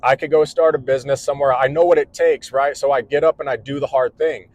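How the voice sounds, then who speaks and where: A man's voice: medium pitch, steady tone, fast talker, a little mellow, no room sound, poor audio. A man in his forties, an electrical contractor talking casually to camera at home, earnest and rambling with many restarts. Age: 40s. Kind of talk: casual vlog monologue. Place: indoors at home.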